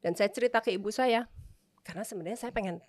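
A woman's voice: medium pitch, quick pace. A woman from Indonesia, a guest in a casual interview, who tells stories animatedly and laughs often. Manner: animated, laughs often, acts out remembered dialogue.

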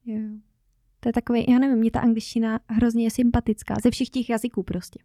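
A woman's voice: on the high side, level tone, warm tone, no echo, clean studio sound. A woman from northern Bohemia, a travel content creator, chatting animatedly as a podcast guest and laughing often. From northern Bohemia, Czechia. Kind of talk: casual podcast chat.

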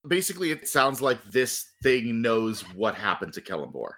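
Animated man running a tabletop game. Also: mid-range voice, normal speed. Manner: teasing, jokey. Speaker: game master. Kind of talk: casual, profane tabletop game banter.

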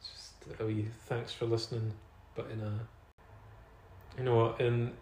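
A man's voice: mid-range voice, unhurried, a little hiss or hum. Man in an echoey room. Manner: relaxed, hesitant, many fillers. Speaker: podcast co-host. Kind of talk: casual chat.

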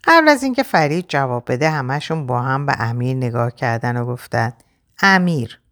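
Low-voiced expressive woman storyteller. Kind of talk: first-person storybook narration.

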